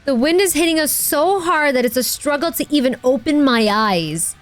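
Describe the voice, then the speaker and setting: High-pitched, cute anime-style woman streamer. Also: lively intonation, normal speed, soft background music. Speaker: VTuber streamer and voice actor. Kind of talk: livestream game playthrough, reading story aloud and chatting.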